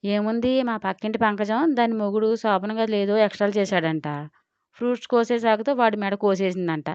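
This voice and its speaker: A woman voicing a feisty young bride who talks back sharply, with smooth, slightly dull dry audio. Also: mid-range voice, fairly even intonation, fairly quick, dry recording, natural voice. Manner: sharp, cheeky, sulky.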